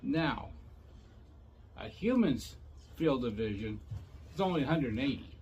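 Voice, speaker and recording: A man's voice: medium pitch, lively intonation, measured pace, darkish tone, dull audio. Older man explaining casually, some background noise. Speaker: host of a motorcycle safety series.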